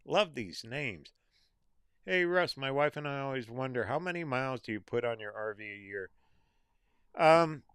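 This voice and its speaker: Male live host, casual and unhurried, answering viewer questions in a dry, close sound, voice getting tired. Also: mid-range voice, a bit bright, clear, resonant tone, no room sound. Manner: reads out viewer names and comments with small laughs. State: losing his voice. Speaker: livestream host reading viewer comments.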